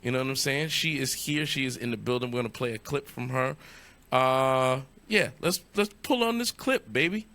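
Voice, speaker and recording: Male host, casual and hyped, gravelly bright voice. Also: medium pitch, moderate pace. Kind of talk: casual talk show hosting.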